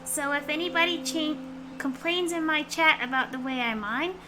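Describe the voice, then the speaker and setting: A woman with a high voice streams a game at a moderate pace, chatting playfully and loosely like a cute anime streamer while music plays behind her. There's clearly a lot of background noise.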